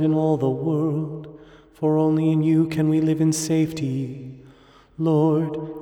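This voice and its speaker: A man leads morning prayer in a slow, even intonation, his mellow voice half-spoken and half-chanted. A cathedral echo carries every phrase through the long reverb of a large church, with faint music somewhere behind him. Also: fairly high pitch. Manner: measured, intoning responses and prayers. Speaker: officiant leading morning prayer. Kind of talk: liturgical recitation, partly chanted.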